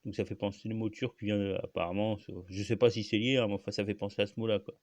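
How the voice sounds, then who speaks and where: On his own channel, a man rambles through a casual solo monologue packed with fillers, restarts, and frequent coughs. His voice is fairly low and darkish, his tone stays level, and he talks fast. The recording is dry.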